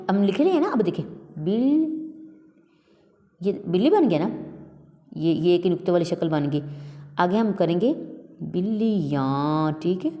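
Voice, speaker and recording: A woman with a lowish voice teaches young pupils an Urdu lesson. She works through it slowly and patiently, repeating each word and often pausing to check everyone is following. Her voice rings out with a long reverb. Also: mellow. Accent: Urdu-speaking. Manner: explains slowly, repeats words, often says 'theek hai'. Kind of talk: classroom lesson.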